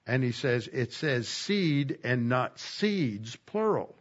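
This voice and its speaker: A man teaching an expository Bible lesson, slowing down to stress key words. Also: mid-range voice, expressive, muffled recording.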